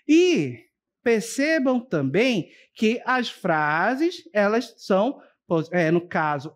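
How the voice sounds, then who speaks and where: A teacher giving a televised school lesson, explaining step by step and often checking in with the class. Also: medium pitch. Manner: addresses students directly and warmly as a group. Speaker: Portuguese teacher.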